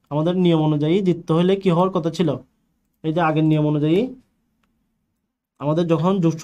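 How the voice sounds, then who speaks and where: Male teacher, slightly high voice, online grammar lecture, asks and answers his own questions. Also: a little mellow. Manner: explanatory, poses questions and answers them himself.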